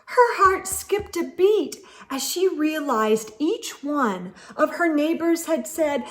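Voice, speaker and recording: With a high voice and slow pacing, this woman reads a picture book to kids at storytime, addressing them directly in an expressive, emphatic way.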